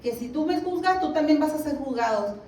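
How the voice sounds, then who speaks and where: A woman's high, expressive, somewhat mellow voice leads a Bible lesson in a church hall, where she reads scripture at a slow, deliberate pace. She often asks her audience "¿verdad?" to check in, and the mic sits far off in an echoing room with faint noise behind her.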